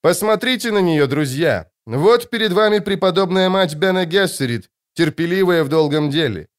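A man voicing a defiant, commanding young male leader in an audiobook reading, declaiming with a raised, forceful voice. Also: fairly high pitch, animated, moderate pace, voice pushed up, natural voice.

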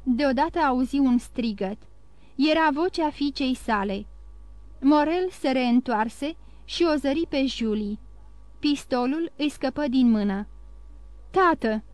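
A woman narrating a classic novel in a measured, expressive audiobook reading. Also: high-pitched, no room sound.

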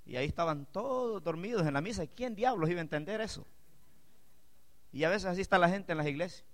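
A male pastor preaching a sermon, moving from chatty asides with the congregation to impassioned, loud exclamations. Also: high voice, lively intonation, fast.

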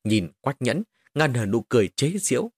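A man narrating a dramatic story with an expressive, lively delivery. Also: mid-range voice, moderate pace, slightly rough, no echo, studio quality. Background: faint music.

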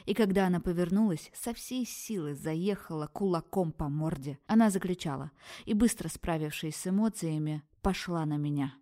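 A woman narrating a first-person novel aloud in brisk, vivid audiobook style. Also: on the low side, warm tone.

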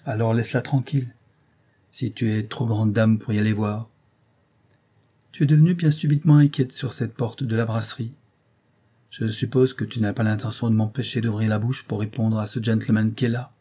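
A man reading an audiobook aloud, voicing a surly, bitter male innkeeper who grumbles and complains in a raised voice, husky and dark. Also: lowish voice, fairly even intonation, moderate pace, lightly acted. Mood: angry.

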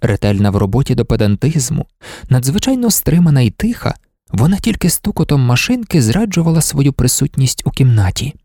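A man reading literary prose aloud as an audiobook narrator, in an expressive reading. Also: medium pitch, a little fast, no echo, studio quality. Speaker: audiobook reader.

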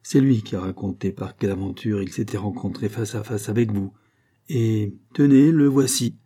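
A proud, wary prince speaks with haughty command, as a male narrator voices him. The tone is mellow and a little husky. It is a role from a read-aloud adventure story. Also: lowish voice, normal speed.

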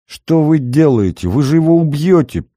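A man's voice: a little high, lively intonation, normal speed, mellow, no echo, studio quality, voice pushed up. A man voicing a protective female nurse who cries out in alarmed, scolding exclamations.

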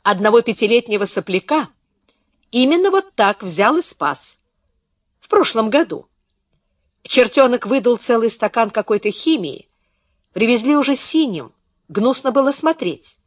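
A brusque, self-satisfied doctor who mocks his patient, read by a woman. His lines move in wide, lively swings, and the take is close and dry. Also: fairly high pitch, moderate pace, long pauses, no room sound. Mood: smug. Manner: mocking, blunt. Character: smug sarcastic male doctor, brusque. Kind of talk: audiobook character reading.

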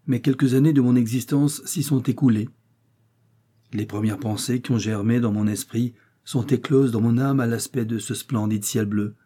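A male audiobook narrator with a warm, mellow tone and a slightly husky edge. He reads old literary prose in a measured, steady way. His voice sits on the lower side. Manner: measured, even reading of nineteenth-century prose. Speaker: audiobook reader.

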